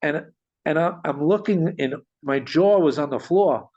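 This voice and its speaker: A man telling a story in conversation, animated, with frequent restarts and small chuckles. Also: fairly high pitch, a little slow. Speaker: guest storyteller. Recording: dull lo-fi sound.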